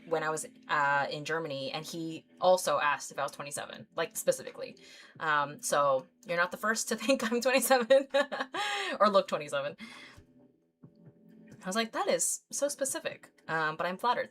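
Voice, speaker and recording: Painting on her livestream, this artist in her thirties keeps up a casual, rambling chat full of fillers and ready giggles. Her voice sits low with a slightly bright quality.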